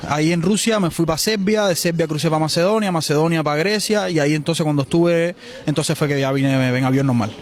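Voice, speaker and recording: A man in his twenties with a Cuban Spanish accent, answering a street interview outdoors in a city in a forceful, outspoken way. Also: a little high, brisk. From Cuba. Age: 20s.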